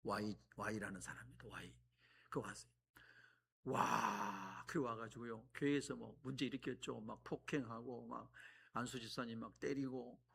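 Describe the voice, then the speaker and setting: A middle-aged man preaching a sermon as a guest preacher, telling stories with sudden loud exclamations. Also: mid-range voice, steady tone, unhurried, gravelly, a little hiss or hum. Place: church sanctuary.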